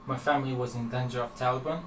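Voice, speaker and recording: A man's voice: mid-range voice, fairly even intonation, fairly bright tone, slight background noise. Young guy from afghanistan, hesitant answers, lots of ums, roomy far-off sound. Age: young adult. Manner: hesitant, halting with fillers. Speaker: interviewee. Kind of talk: interview answers. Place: small indoor room. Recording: echoey room, from far off.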